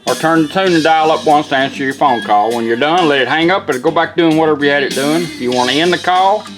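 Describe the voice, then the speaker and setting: Talking fast in a voice on the high side, a radio restorer gives an easygoing, folksy demonstration of a device's controls. Music with guitar comes from a radio behind him.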